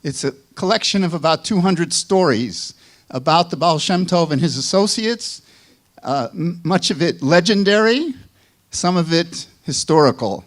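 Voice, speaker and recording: An older man with a Chicago accent giving a measured academic lecture, with small asides. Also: a little high, lively intonation. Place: lecture hall.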